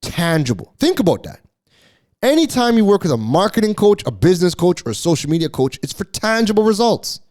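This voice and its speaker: A man's voice: high-pitched, big pitch swings, a little fast, a little mellow. A man hosting solo commentary as a business coach, emphatic and exasperated, repeating key words for stress.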